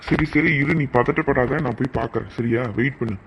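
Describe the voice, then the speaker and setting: A man's voice: medium pitch, fairly quick, dull audio, noisy background, natural voice. A man voicing an anxious father whose daughter has gone missing, in a cartoon. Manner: anxious, pleading, repeated questions. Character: worried father of a missing teenage girl. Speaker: cartoon voice actor.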